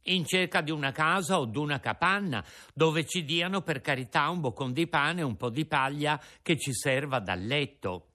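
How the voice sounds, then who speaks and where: A man reading aloud, voicing a lively, earnest wooden boy puppet. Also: a little high, moderate pace, few pauses, pitched above the performer's own voice.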